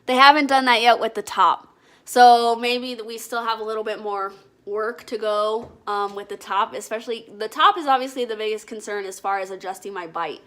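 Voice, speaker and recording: A woman with a fairly high, very bright and forceful voice talks casually to her viewers. She explains in an informal, conversational vlogging style, demonstrating as she goes. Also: normal speed.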